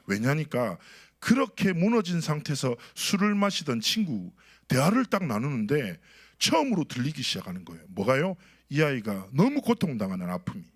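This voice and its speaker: A man's voice: on the high side, breathy edge. A man, an associate pastor, preaching a sermon with rhetorical questions and personal anecdotes.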